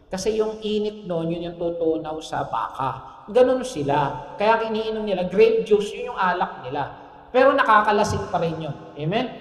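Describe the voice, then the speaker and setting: A male pastor delivers a sermon in a conversational tone and keeps checking in with the congregation. His voice sits notably high for a man. The sound rings around a roomy church hall with a long tail of reverb. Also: animated, normal speed. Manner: conversational, often asks the congregation "Amen?".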